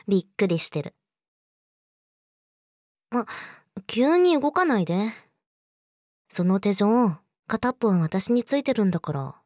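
A woman's voice: medium pitch, very animated, slow pace, pauses often, darkish tone, no room sound, studio quality. A woman playing a young, clingy yandere girlfriend in an intimate audio drama, sweet and eerily obsessive, coaxing the listener. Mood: teasing, eerily sweet.

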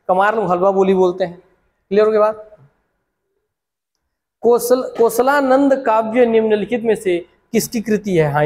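A man's voice: high-pitched, darkish tone, in a large hall. A man teaching an online exam-prep class, urging viewers on and repeating questions and answers.

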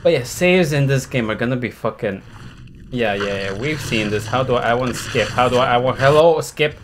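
A man narrates his own live horror gameplay, jumping between low grumbling and frantic, cursing yelps. His voice moves with a wide, lively pitch range, and faint noise sits under it. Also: moderate pace. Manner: panicky, cursing, yelps and rambles at the game. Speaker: streamer.

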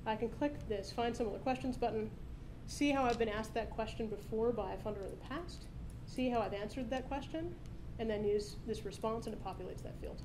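A startup founder in her thirties gives a live product demo on an indoor conference stage at a meetup. Speaking into a podium mic in a fairly high voice, she's quick, brisk, upbeat and explanatory, with a noisy background.

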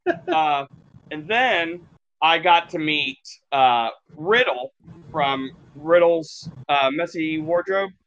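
Taking his time, a man with a slightly high voice co-hosts a laid-back podcast, spinning rambling stories about people he's met. He grows animated when acting out quotes, and the audio is dull.

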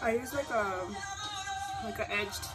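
A woman's voice: on the high side, unhurried, loud music behind the voice, rough recording. A young woman casually chatting to her viewers in a get-ready-with-me vlog, using plenty of fillers, a little stuffy from pollen allergies. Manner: chatty, filler-heavy, addresses viewers as y'all and guys. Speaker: vlogger. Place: at home on the floor, later in her car.

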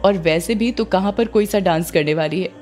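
A woman's voice: on the low side, brisk, darkish tone, faint music behind, natural voice. A woman voicing a scheming middle-aged mother who talks in a sweetly evasive, coaxing way, as in a storybook reading. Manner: coaxing, falsely affectionate.

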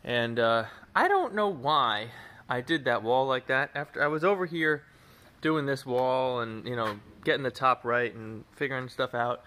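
This thirty-something home builder vlogger rambles casually, full of fillers and self-deprecating remarks, while recording his outdoor build in the woods on an arm's-length phone. He speaks at normal speed with a medium, expressive, sharp-toned voice.

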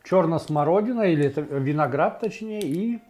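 Male food-tasting host, 40s, casual and halting, lapel mic in a kitchen, music behind. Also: fairly high pitch, expressive, a little mellow. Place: indoor home kitchen. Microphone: lavalier clipped to T-shirt.

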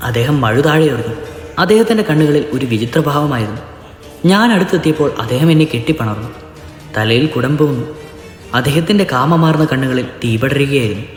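A man voicing a frightened young servant woman who tells in a trembling, soft-spoken way what happened, in a storybook reading. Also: mid-range voice, expressive, a little fast, soft background music, natural voice. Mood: shaken. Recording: echoey narration with long reverb.

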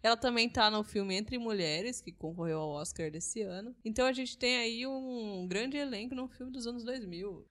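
A woman with a Brazilian Portuguese accent co-hosting a film podcast, upbeat and brisk with channel plugs and trivia. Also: a little high, a bit bright. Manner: upbeat, promo-style delivery, quick asides. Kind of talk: casual film review chat.

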